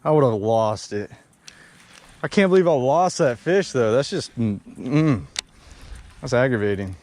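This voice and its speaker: A young man vlogging while bank fishing at a pond outdoors, talking in excited slang and bursting into shouts. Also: mid-range voice, measured pace, slight background noise. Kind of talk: excited outdoor vlog commentary.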